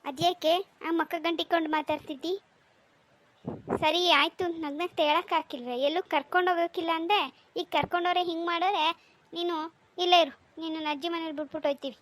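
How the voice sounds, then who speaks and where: A woman's voice: very high voice, steady tone, quick pace. A woman voicing a strict young village mother in a cartoon, scolding in a snappy way.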